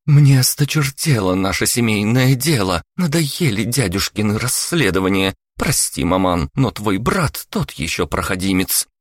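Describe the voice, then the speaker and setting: A man's voice: fairly low pitch, big pitch swings, moderate pace, hardly any pauses, dry recording, studio quality, voice pushed up. A man reading an audiobook voices a rebellious young noble daughter who talks back defiantly. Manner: defiant, emphatic.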